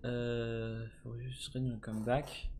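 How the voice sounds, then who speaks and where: A man giving casual let's-play commentary, swearing freely and swinging between low mutters and sudden excited shouts. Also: very slow, slight background noise. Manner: swears casually, jokey asides. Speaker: gaming streamer.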